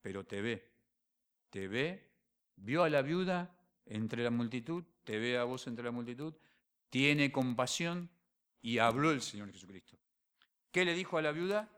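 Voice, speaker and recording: A man with a Rioplatense Spanish accent preaching a sermon as pastor, animated, dropping to quiet phrases and then rising to loud emphatic ones. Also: medium pitch, unhurried, smooth. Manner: animated preaching, acts out voices and dialogues.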